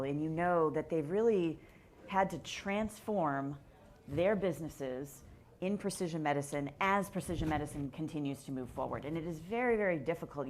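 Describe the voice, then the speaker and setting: Low-voiced woman moderating a panel. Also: a little hiss or hum. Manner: brief affirmations, then brisk framing of the next topic.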